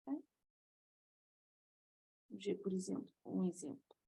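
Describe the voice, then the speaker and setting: A woman's voice: mid-range voice, animated, a little slow, gravelly, warm tone, slightly rough, rough recording. A woman with a European Portuguese accent giving a recorded math lecture, explaining step by step and checking in with "ok?" often.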